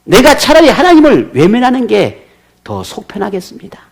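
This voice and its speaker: A man's voice: high-pitched, wildly swooping pitch, normal speed, vocal fry, breathy edge, pitched above the performer's own voice, full character voice. A man voicing a resentful grown man who complains bitterly to God in indignant protest.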